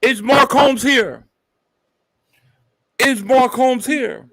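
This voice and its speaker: A man's voice: very high-pitched, extremely slow, bright, forceful tone, dry recording. A man hosting a casual live stream, playful and teasing, bragging as he jokes with his guest. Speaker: stream host. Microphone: home streaming mic.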